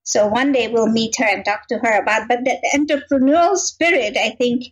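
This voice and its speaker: A woman's voice: fairly high pitch, fairly quick, poor audio. A woman from Kenya in her fifties, a guest telling her life story in an earnest, reflective way. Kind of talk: interview conversation.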